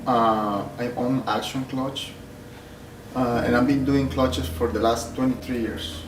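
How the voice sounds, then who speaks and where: A middle-aged shop owner from El Salvador answers interview questions at his clutch workshop, speaking plainly and hesitantly with lots of fillers. His medium-pitched voice is fairly even and measured, picked up by a distant mic in a roomy space with music playing.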